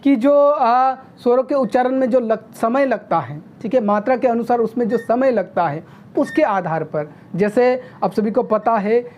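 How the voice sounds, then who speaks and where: A woman teaching a video grammar lesson, who often checks in with "okay?" and sounds out vowels slowly. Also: on the high side, a little hiss or hum. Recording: dull lo-fi recording.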